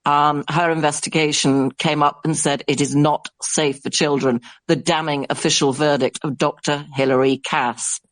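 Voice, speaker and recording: A man on a discussion panel, calmly passing on a news report. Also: a little high, normal speed, few pauses.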